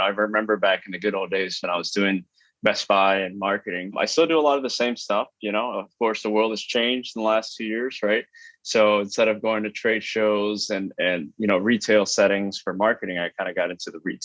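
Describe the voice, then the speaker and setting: A man speaking as a podcast guest over a video call through wireless earbuds, with muffled lo-fi audio, chatty and relaxed with many fillers. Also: lowish voice, no echo. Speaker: podcast guest, business owner. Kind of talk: casual conversation. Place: his taproom. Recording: dull lo-fi remote call line.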